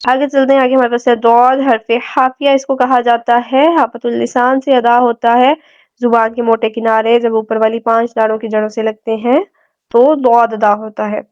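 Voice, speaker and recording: A woman with a fairly high voice leads a beginners' recitation lesson. She repeats and stretches each letter sound in slow, patient demonstrations. The recording is dry and a little dull and lo-fi. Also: little pitch movement, a little mellow, no room sound. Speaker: Quran recitation teacher. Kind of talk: step-by-step tajweed lesson.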